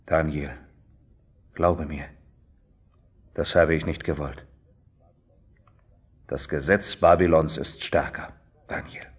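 Radio play king: sorrowful, torn, bottomless low husky voice, slow delivery. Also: steady tone, no echo, dull audio, heavily acted. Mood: helpless, remorseful. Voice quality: very deep, husky. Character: weary, remorseful king of Babylon, torn and powerless.

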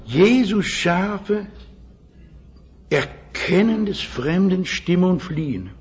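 An older man preaching an Easter sermon to a congregation, earnest, asking the listeners questions and slowing down for scripture. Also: high-pitched, expressive, slight background noise. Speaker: pastor. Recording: dull lo-fi old sermon recording.

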